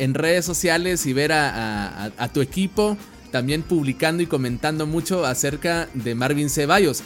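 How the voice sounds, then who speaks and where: Higher-pitched man hosting a podcast. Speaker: podcast host and interviewer. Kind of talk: podcast introduction and interview.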